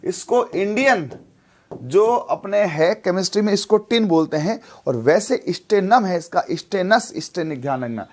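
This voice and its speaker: A man's voice: high-pitched, lively intonation, a little slow, darkish tone. A man teaching chemistry, repeating his points and asking and answering his own questions. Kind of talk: classroom lecture with call-and-response drills.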